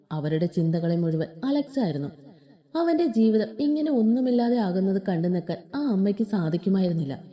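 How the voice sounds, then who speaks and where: A woman narrating a serialized Malayalam novel in steady storytelling. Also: medium pitch, muffled recording.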